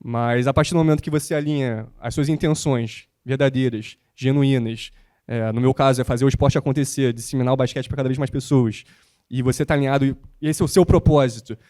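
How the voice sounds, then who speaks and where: A young man speaks as a panel guest, full of motivational energy and casual slang. His voice has a mellow, dark tone. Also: medium pitch, fairly quick. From born in the United States, raised in Rio de Janeiro. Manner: animated and motivational, slangy with frequent "cara" and "pô". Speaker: guest, basketball content creator. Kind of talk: panel talk on stage.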